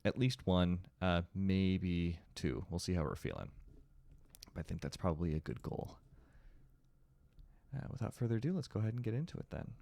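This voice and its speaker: A man hosting a storytelling show, reading a horror story aloud with a slight lisp from rubber bands in his braces, after a slow, dramatic opening and some rambling, casual chat. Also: sits low, expressive, vocal fry, mellow, no room sound. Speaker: storytelling host.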